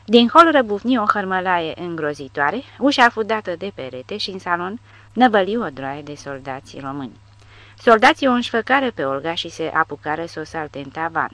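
A woman reading an audiobook with lively storytelling. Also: lowish voice, no echo. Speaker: audiobook narrator. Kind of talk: audiobook narration.

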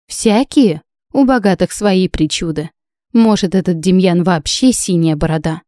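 A woman's voice: fairly low pitch, measured pace, dark tone, no room sound, studio quality, natural voice. A woman doing a fretful, suspicious mother. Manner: fretful, emphatic. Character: worried mother, fussy and suspicious.

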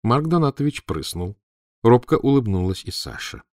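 A man narrating an audiobook in an expressive reading, close to the mic. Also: medium pitch, moderate pace, dry recording. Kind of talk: scripted narration.

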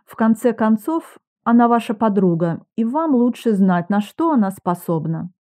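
A woman's voice: a little high, lively intonation, normal speed, darkish tone, lightly acted. A woman voicing a curt, aloof woman in an audiobook, in a plain, lightly acted reading. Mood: cool, curt.

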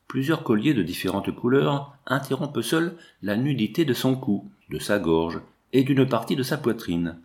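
A man reading a novel aloud in a measured, descriptive narration. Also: medium pitch, a little mellow. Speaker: audiobook narrator.

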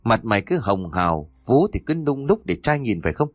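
A man's voice: medium pitch, sing-song, a little fast, no echo, clean studio sound. A man doing a jealous, raging village husband. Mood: enraged. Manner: harsh, scolding, insulting. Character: jealous, abusive husband in his village home.

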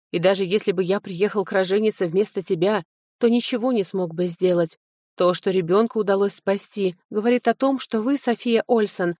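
A woman voicing a kindly old male physician who mentors a young student, speaking gently and like a father. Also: medium pitch, dry recording, clean studio sound, close to an everyday voice.

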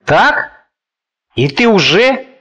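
An anxious elderly professor frets and fusses over every word, voiced by a male reader. His drawn-out questions come in a fairly high voice that swings widely in pitch. He sounds nervous throughout. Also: very animated, pushed and bright, breathy edge, exaggerated voice. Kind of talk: audiobook character reading.

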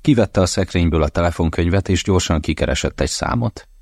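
A man narrating an audiobook in a steady, measured reading. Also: deep voice, no echo, studio quality. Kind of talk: scripted narration.

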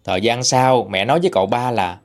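A man with a Southern Vietnamese accent narrating a ghost story in a dramatic, animated way. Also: medium pitch, quick pace.

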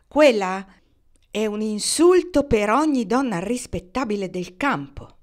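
A prim, self-righteous frontier wife scolds in a high, piercing voice that is pushed loud with outrage, as a woman reading an audiobook puts her on. Her words come out sharp and stuttering with offence. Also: lively intonation, a little slow. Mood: outraged. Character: indignant prim middle-aged frontier wife.

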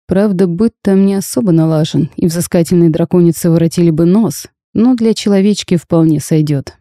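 A woman reading the lines of a cursed male dragon duke in a storybook tale, terse, flat and reserved. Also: fairly low pitch, normal speed, no room sound, studio quality, natural voice. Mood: cold.

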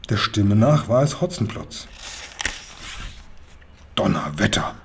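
A man narrating a children's storybook in an expressive, playful way. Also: medium pitch, normal speed, a little hiss or hum. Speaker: audiobook reader.

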